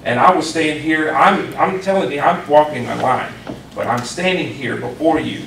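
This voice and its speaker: A police chief confronting an official at a city council meeting, firm and direct, sometimes reading policy text aloud. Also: male voice, on the high side, moderate pace, gravelly, fairly bright tone. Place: council chamber. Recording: echoey hall, distant, faint noise.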